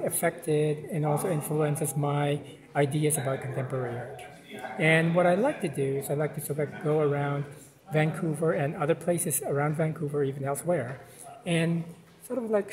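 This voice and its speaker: A Filipino man whose first language is Tagalog hosts a casual walking vlog about contemporary art, starting on an outdoor campus plaza and moving into an indoor gallery. His voice is fairly high, he rambles with many fillers, and the recording quality is low.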